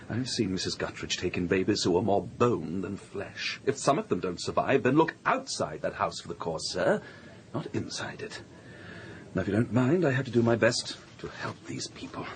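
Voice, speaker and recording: An actor playing a stern, earnest doctor of the poor. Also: male voice, fairly low pitch, very animated, moderate pace, slight background noise. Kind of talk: radio drama.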